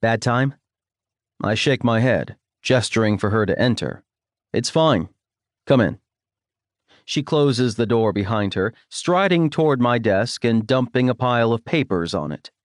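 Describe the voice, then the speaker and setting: A man narrating a first-person romance audiobook in a wry, expressive storytelling manner on a studio microphone. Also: mid-range voice, moderate pace, few pauses, dry recording.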